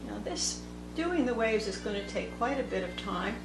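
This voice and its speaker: While painting at an indoor table, a woman with a medium-pitched, animated voice teaches watercolor, slowly thinking aloud in unscripted narration. The room echoes, and soft instrumental music plays in the background.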